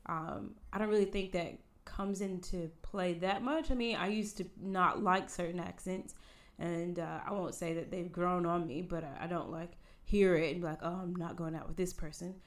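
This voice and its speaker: An American woman with a slightly low-pitched voice talks casually as a podcast co-host. Her speech is chatty and loose, filled with "like" and "um". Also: moderate pace. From United States. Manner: chatty, full of "like" and "um". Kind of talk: casual chat.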